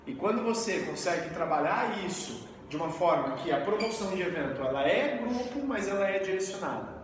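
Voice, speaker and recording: A man in his thirties from Brazil, giving a lively live training talk and asking the audience questions. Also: sits high, fairly quick. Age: 30s. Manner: energetic, asks the audience questions. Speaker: network marketing trainer. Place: event room with audience. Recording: echoey hall, mic far off, faint hiss.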